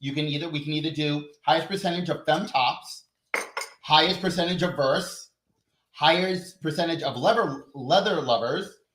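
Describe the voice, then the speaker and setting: A man's voice: a little high, normal speed, a bit bright, a little hiss or hum. A man hosting a casual, playful and bawdy quiz segment, chatting and reading out results. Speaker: talk show host presenting a quiz. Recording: roomy, echoing sound.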